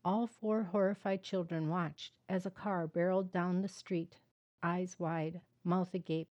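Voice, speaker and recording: A woman author reading her own book aloud in a measured, earnest narration, then speaking to her viewers. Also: fairly low pitch, steady tone, darkish tone, lo-fi sound. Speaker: author and host.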